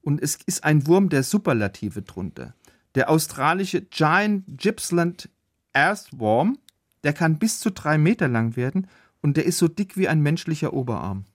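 A man as the biologist guest, calmly explaining facts in a podcast chat. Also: on the high side, measured pace. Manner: patient, factual explainer.

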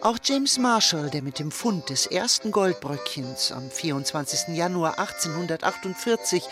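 Higher-pitched male documentary narrator. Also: expressive, moderate pace, music in the background. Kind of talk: scripted radio documentary narration.

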